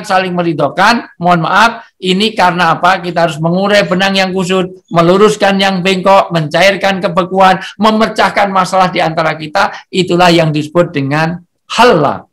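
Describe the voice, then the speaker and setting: High-pitched guy preaching over a video call, jokey, lots of rhetorical questions. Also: a bit bright. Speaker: speaker at a halal bihalal gathering. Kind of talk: humorous religious talk.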